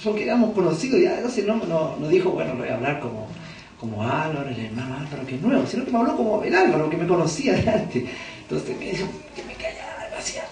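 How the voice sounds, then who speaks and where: Male pastor, high voice, chatty preaching with rhetorical questions, distant mic in a boomy church. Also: lively intonation, quick pace, darkish tone, echoey room, slight background noise. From Chile. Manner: conversational preaching with frequent rhetorical questions to the congregation. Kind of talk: sermon. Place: church hall. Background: congregation responding.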